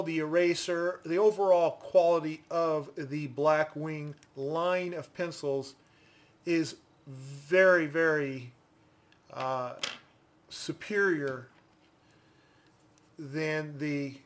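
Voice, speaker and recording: A man giving a casual product review in a deliberate, explanatory manner. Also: on the high side.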